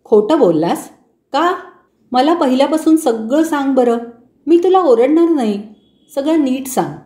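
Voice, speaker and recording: A woman playing a caring mother who lectures her son calmly and gently. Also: sits high, measured pace. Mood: questioning. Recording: roomy echo.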